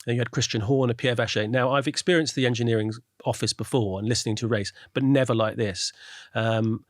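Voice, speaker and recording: A fast, chatty man with a fairly ordinary pitch, hosting a casual podcast. He tells stories with frequent restarts, recorded close and dry with no room sound. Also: steady tone, no room sound. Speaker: podcast host. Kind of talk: casual chat.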